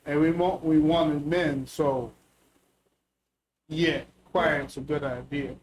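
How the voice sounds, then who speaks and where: A man's voice: fairly high pitch, steady tone, takes it slowly, a little mellow, rough recording. A man playing a tabletop game, speaking casually in character with terse, repeated phrases. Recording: faint background noise.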